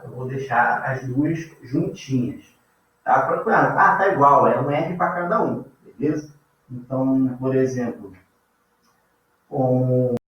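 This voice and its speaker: A Brazilian man teaching a grammar class in a casual way, often checking in with his students. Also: medium pitch. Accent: Brazilian Portuguese. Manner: casual, checks in with frequent "tá?" and "beleza?". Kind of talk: informal classroom lecture. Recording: echoey room, distant mic, dull sound.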